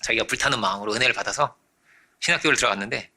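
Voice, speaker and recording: A man preaching a sermon as pastor, animated, often checking in with his listeners and acting out the voices in his story. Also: mid-range voice, rapid-fire. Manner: animated, acts out quoted voices; frequent rhetorical checks to congregation.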